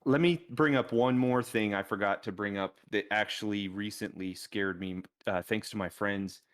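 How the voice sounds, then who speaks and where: A man co-hosting a gaming podcast, telling a story in lively casual chat and laughing easily. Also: on the low side, moderate pace. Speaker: podcast co-host.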